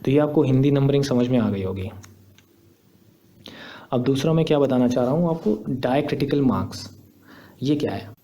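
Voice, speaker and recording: A man's voice: medium pitch, moderate pace, long pauses, warm tone. A young man, patiently explaining step by step in a screen tutorial. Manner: patient, step-by-step, repeats points. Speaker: teacher.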